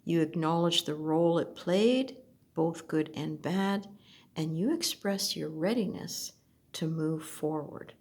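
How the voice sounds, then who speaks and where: A woman slowly looking through an oracle deck, speaking softly and at times dropping to a whisper. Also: deep voice. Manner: soft, slow, gently admiring, drifts into whispers. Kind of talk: slow unboxing commentary.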